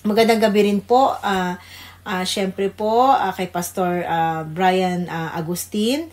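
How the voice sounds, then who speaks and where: A pastor's wife co-hosts a devotional radio program with informal greetings and prayer, her Filipino-accented delivery reverent and conversational. She speaks slowly in a mid-range, darkish voice.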